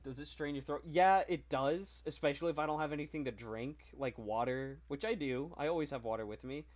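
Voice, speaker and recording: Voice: mid-range voice, brisk, a little mellow. A young adult game streamer with a neutral voice, chatting casually with live stream viewers. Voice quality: neutral, versatile voice. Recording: noisy game stream with clicks.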